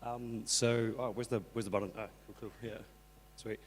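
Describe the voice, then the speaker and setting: Casting: New man, lowish croaky voice with creaky starts, casual hesitant presenter in a reverberant hall. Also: level tone, moderate pace, slight background noise. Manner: casual, hesitant, many fillers such as "like". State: croaky from two days of talking. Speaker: conference speaker, workshop organiser. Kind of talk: informal stage presentation. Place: on stage in a conference hall. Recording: echoey hall, long reverb.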